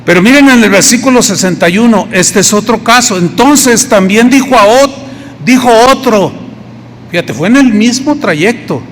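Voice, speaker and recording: A man's voice: high-pitched, lively intonation, normal speed. A man with a Mexican accent preaching a conversational sermon as pastor, acting out the people he quotes. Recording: long hall reverb, faint noise.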